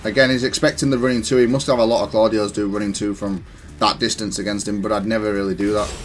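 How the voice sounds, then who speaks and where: Over background music, a man with a lowish, flat voice goes quickly through a breakdown of his own game, casually explaining each decision and catching himself now and then.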